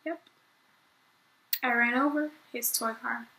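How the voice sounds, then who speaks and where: Young female vlogger, high bright voice, chatty, loads of "like", echoey room. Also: fairly even intonation, slow. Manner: chatty, fills speech with "like". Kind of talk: casual storytelling to camera.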